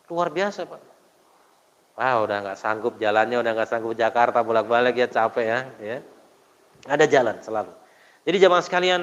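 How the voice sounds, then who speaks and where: A man's voice: medium pitch, fairly bright tone. A preacher man in a reverberant hall. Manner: storytelling with rhetorical questions to the congregation. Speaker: Islamic preacher. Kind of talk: mosque study sermon. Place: mosque hall. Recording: dull, long hall reverb.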